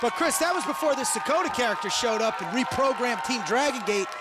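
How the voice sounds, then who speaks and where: A man giving excited, slangy wrestling commentary as the color man, loud and exclamatory. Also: very high-pitched, a little fast. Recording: noisy arena with roaring crowd. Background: loud crowd and arena noise.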